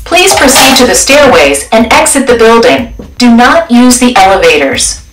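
A woman's prerecorded evacuation announcement plays through fire alarm loudspeakers, heard from a distance in an echoey space. Her delivery is calm and measured, with lively pitch swings across each phrase. Loud alarm tones sound behind her voice. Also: over loud music. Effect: recorded evacuation message played through fire alarm speakers.

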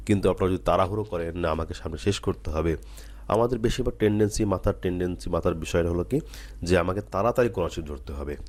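A man, teaching Quran letter sounds. He drills each sound slowly and repeatedly, then explains at a brisker pace. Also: low-pitched, darkish tone. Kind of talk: slow drilled recitation lesson.

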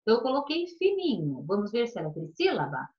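A Brazilian woman teaches young children in a patient, sing-song way, her fairly high voice rising and falling. The recording sounds muffled and lo-fi. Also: wildly swooping pitch, fast, darkish tone. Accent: Brazilian Portuguese. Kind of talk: online class lesson.

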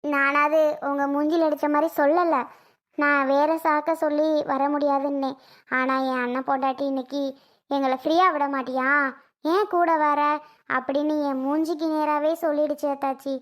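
A woman's voice: high-pitched, level tone, normal speed, natural voice. A woman voicing a tearful, apologetic young married woman. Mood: pleading. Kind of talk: family skit acting.

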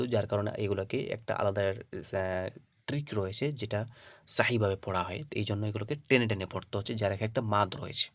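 This dry recording features a man on the low side teaching the Arabic alphabet so listeners can read the Quran. He announces every letter loudly and at length, explains it quietly, and checks in with his audience after each point.

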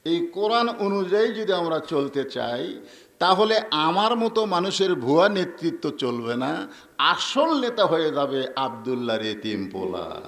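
A male preacher voicing a jealous, scheming old chieftain who talks in a hushed, conspiratorial way. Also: a little high, big pitch swings, a little slow, full character voice. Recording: echoey hall with long reverb.

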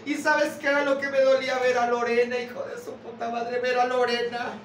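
A woman's voice: fairly high pitch, flat delivery, a little fast, distant mic. A woman giving a raw, profane personal testimony from a podium at a group meeting, cursing in a repeated refrain. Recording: echoey hall, voice from off-mic, noisy.

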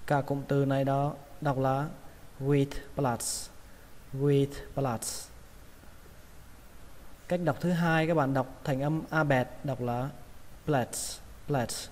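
With a medium-pitched, somewhat dark voice, a man with a Vietnamese accent gives an English pronunciation lesson, patiently repeating each word. The recording has a long reverb and faint ambient noise.

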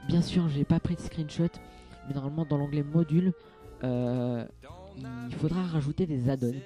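A young man talks through a game setup in a casual tutorial. His voice is very dark and mellow, he stumbles over fillers and restarts often, and faint music plays underneath. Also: medium pitch. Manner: hesitant, many fillers and restarts. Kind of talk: casual screen-capture tutorial.

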